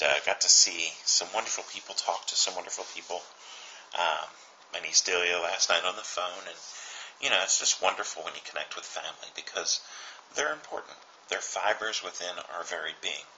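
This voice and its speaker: A middle-aged man delivers a reflective daily motivational message in an unhurried, earnest way, pausing often. His voice sits very low yet comes across bright and forceful. A faint hiss of room ambience runs underneath. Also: poor audio. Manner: earnest, unhurried, with many fillers and pauses.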